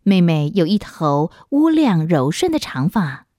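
A woman narrating a children's story in a gentle, expressive storytelling manner on a close studio mic. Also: lowish voice, a little slow, dry recording.

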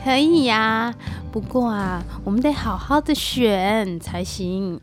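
A woman's voice: on the high side, lively intonation, takes it slowly, over music. A woman playing an adult visitor choosing a child to adopt, judging the children in a picky, gossipy half-whisper. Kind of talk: audio drama acting.

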